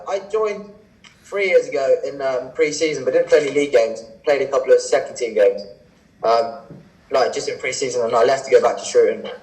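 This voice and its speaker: A young man in his twenties chats casually as a podcast guest. He tells his stories with animation and acts out both sides of quoted exchanges. His mid-pitched voice carries a roomy echo. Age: 20s. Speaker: guest cricketer.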